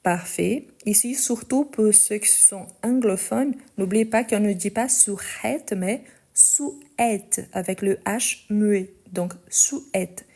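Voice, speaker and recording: In a live online class, a woman teaches French with a warm, medium-pitched voice. Her delivery is slow and deliberate: each sentence gets repeated, and she spells out the verb endings one by one.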